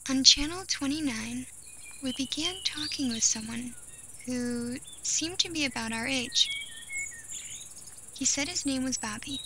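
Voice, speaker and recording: A woman with a fairly high voice tells a first-person horror story in a measured, deliberate way, pausing like a storyteller. Behind her, the outdoor sounds of insects and birds come through clearly.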